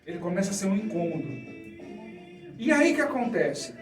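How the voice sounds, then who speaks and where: A man's voice: high-pitched, very animated, normal speed, music in the background. A man with a Brazilian Portuguese accent teaching a sermon, asking questions and answering them himself. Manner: didactic, asks and answers own questions. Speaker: preacher. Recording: echoey room, mic at a distance.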